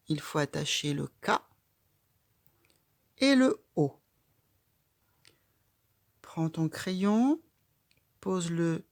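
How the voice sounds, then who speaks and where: Low-voiced lady teacher, slow and patient, talks a kid through each letter, dry close sound. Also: creaky, dry recording. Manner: patient, calm, guiding a child stroke by stroke. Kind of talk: slow step-by-step handwriting lesson.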